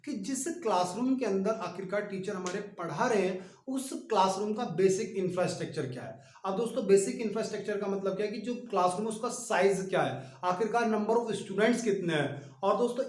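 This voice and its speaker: This high-voiced man, a little mellow in tone, is teaching an online exam-prep class in a roomy-sounding space. His explanations are patient, and he keeps breaking off to address the people listening.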